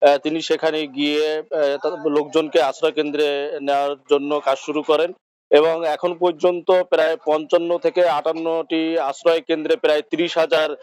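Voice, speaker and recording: A man's voice: fairly high pitch, level tone, normal speed, a little mellow, smooth. A man with a Bangladeshi accent delivering a live news report from the field.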